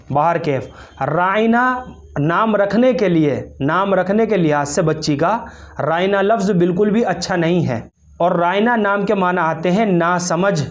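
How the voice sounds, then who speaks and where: Cleric guy, high-ish voice, slow formal religious lesson, measured delivery. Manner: measured, formal, opens with Arabic recitation. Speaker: Islamic cleric explaining name meanings.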